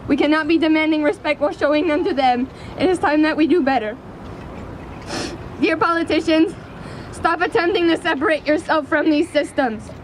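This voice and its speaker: A woman giving a prepared speech as an activist at a rally, speaking in an earnest, impassioned, deliberate way. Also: sits high, rough recording. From Canada. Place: outdoors in a city square. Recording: outdoor public square with city traffic noise.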